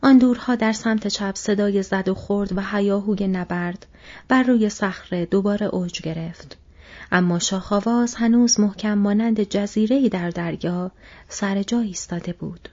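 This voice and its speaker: A woman reading an audiobook in hushed, half-whispered narration, in a dull lo-fi recording. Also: mid-range voice. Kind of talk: scripted narration.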